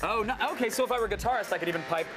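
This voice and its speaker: A man hosting a tech show, asking quick, excited questions during a casual product demo and often restarting his sentences. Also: high voice, music in the background.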